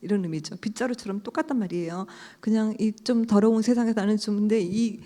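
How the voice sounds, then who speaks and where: A middle-aged woman, an author, telling a story to an audience at a book talk, animated, sometimes dropping to a hush. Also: mid-range voice, fast talker. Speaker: author speaking at a book concert.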